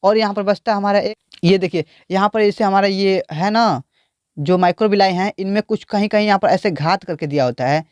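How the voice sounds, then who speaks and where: A man's voice: high voice, brisk, clean tone, no echo, clean studio sound. A man teaching biology, explaining a diagram and repeatedly asking the class questions.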